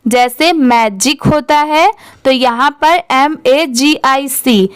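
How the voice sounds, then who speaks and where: Woman teacher, high voice, slow and deliberate, spells words out and quizzes the class, dry close sound. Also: no room sound. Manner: spells words letter by letter, then asks and answers the reading. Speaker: English reading teacher.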